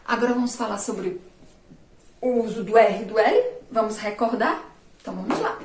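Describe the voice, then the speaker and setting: A woman with a Brazilian Portuguese accent teaching a remote class, asking her pupils questions and answering them herself, sounding out syllables slowly and loudly. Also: fairly high pitch, recorded from a distance, background noise. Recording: roomy echo, voice from off mic.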